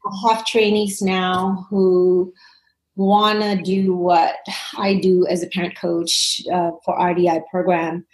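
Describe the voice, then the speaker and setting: This guest, an Indonesian parent coach in her forties, answers interview questions casually from a reverberant room, warm and talkative with frequent laughter and many restarts. Her voice is on the low side, slow and flat in delivery.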